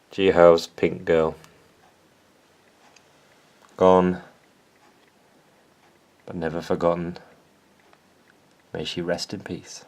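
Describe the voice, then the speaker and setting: This plant vlogger is a young man from England whose deep voice has a darkish tone. Speaking in an English accent, he keeps things casual and turns his dry wit on himself.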